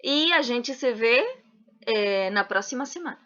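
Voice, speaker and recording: A woman teacher giving an online grammar lesson, talking slowly and deliberately and spelling out word endings. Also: on the high side, animated, sharp tone. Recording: dull lo-fi video audio.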